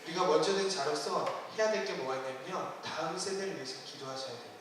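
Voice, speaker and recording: Guy preaching in a church, kinda high voice, chatty, keeps asking the crowd stuff, big echoey hall far from the mic. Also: fast, background noise. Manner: conversational preaching with questions to the congregation. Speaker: youth ministry preacher. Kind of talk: sermon. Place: church sanctuary. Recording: roomy hall, distant mic.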